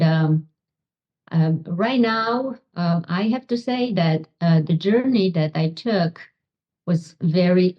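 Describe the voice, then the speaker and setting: A middle-aged woman from Romania, a physician and author, answering interview questions slowly with many pauses and ums. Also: fairly low pitch, lo-fi sound. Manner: slow, halting, many ums.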